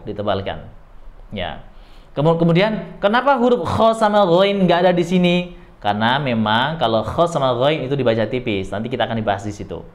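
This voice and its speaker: A man's voice: medium pitch, big pitch swings, fairly quick. A man teaching how to pronounce Arabic letters, drawing out and repeating syllables before explaining them in short, patient phrases. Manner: patient, repetitive instruction. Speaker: Quran recitation teacher. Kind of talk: lesson on Arabic letter pronunciation.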